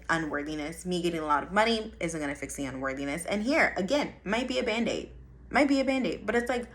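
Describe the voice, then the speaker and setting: Blunt, profane young woman venting. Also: mid-range voice. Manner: blunt and profane, with emphatic repetition; animated, swinging between soft and loud. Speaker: vlogger. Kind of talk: casual motivational monologue.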